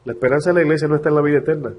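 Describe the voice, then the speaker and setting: A male pastor giving a sermon to his congregation. He sounds congested and husky, speaks earnestly, and slows down when reading scripture. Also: fairly high pitch, steady tone, dull audio. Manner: earnest preaching, addressing the congregation directly; slows down to read scripture aloud.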